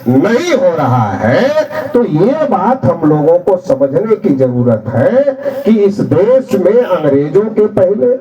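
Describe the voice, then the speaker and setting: A man's voice: high-pitched, dark tone, echoey room, far from the mic, highs cut off. A man giving an emphatic public political speech, telling his points as little stories with acted exchanges. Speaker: political speaker.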